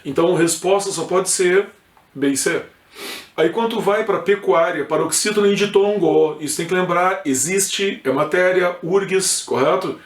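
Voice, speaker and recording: A man's voice: high voice, normal speed. A man with a southern Brazilian accent from Rio Grande do Sul, teaching an informal exam review lesson and often checking in with his students. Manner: informal, peppered with checks like "correto?" and "tá?". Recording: echoey room.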